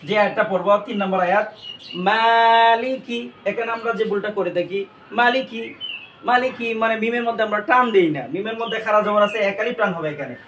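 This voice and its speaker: A man teaching Quran recitation step by step, explaining each sound and drawing phrases out slowly. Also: high voice, a bit bright, roomy sound, far from the mic, slight background noise.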